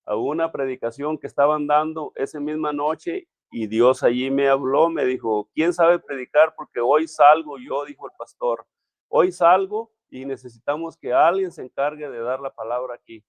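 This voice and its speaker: A man, a pastor, telling his personal testimony in a halting, emotional way with many restarts. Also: fairly high pitch, no room sound. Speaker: pastor, interview guest.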